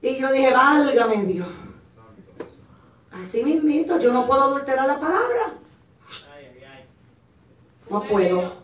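A woman evangelist delivers a fiery Pentecostal sermon in a very high voice, often breaking into shouts. She is heard from some distance in an echoey church hall. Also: sing-song, takes it slowly, pauses often, slight background noise. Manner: impassioned, shouting at peaks, acts out voices of others. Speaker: evangelist preacher.

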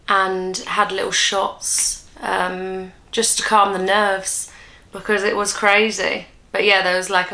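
A woman's voice: lowish voice, pushed and bright. A woman in her twenties chatting casually to camera in a rambling, self-mocking way while answering viewers' questions. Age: 20s. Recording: roomy echo.

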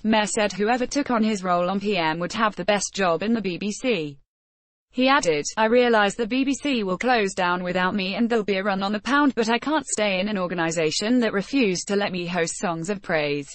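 A woman's voice: mid-range voice, moderate pace, no room sound. Woman reading news, dry close sound. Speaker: news narrator. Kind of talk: scripted news narration, read-aloud article.

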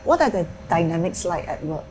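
A woman interviewer asking calm, crisp questions in voice-over. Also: lowish voice, a little fast, slight background noise. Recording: voice-over over loud music.

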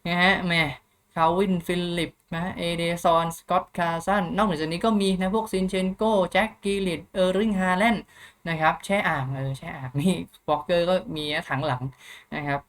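A man's voice: high-pitched, fairly quick, fairly bright tone. A young man hosting a football news channel, chatting casually through the latest updates with many polite filler particles and thinking aloud.

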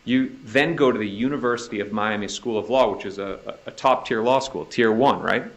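A man's voice: on the low side, a little fast, dull audio. A man with a Boston accent cross-examining a witness in a courtroom, pressing her with leading questions that end in "right?". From Northeastern US. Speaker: prosecutor.

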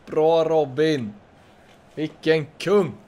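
A man with a Swedish accent commentating his own football video game match, shouting encouragement at his players and breaking into excited bursts. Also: fairly high pitch. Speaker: gaming youtuber.

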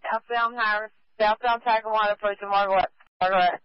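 Smooth, clipped dispatcher on dull police radio. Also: mid-range voice, steady tone, quick pace, dry recording. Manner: clipped, procedural.

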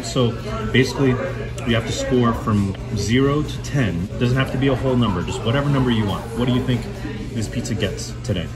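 A man in his thirties with a mid-pitched voice chats casually as a food review host. He sounds enthusiastic, with clear music in the background. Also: a little fast, rough recording. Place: restaurant booth indoors.

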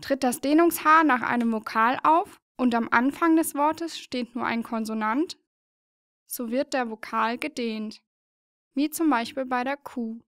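Woman, educational voice-over, smooth and crisp, dry studio sound, patient. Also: a little high, unhurried, fairly bright tone, no room sound. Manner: patient and explanatory, spells out letters one by one. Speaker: narrator of a learning video. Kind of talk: scripted educational narration.

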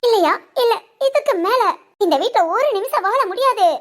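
A woman voicing a sharp-tongued young wife in a Tamil cartoon, bickering and theatrically complaining. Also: extremely high pitch, animated, moderate pace. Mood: aggrieved. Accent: Tamil Nadu Tamil. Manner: bickering, dramatic. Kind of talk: cartoon voice acting.

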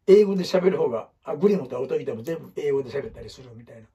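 A man with an Osaka Kansai accent, a photographer giving life advice, explains ideas at a whiteboard in a casual talk. His voice is a little high and warm, with lively intonation and a racing pace. He's blunt and rambling, acting out quotes in other voices.

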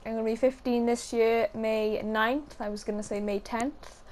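A woman's voice: fairly high pitch, steady tone, moderate pace, a little mellow. A fourteen-year-old girl with a Welsh accent chatting casually in a vlog, giggling often and saying "like" a lot. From Wales. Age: teens. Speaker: gaming YouTuber. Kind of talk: casual vlog chat over gameplay.

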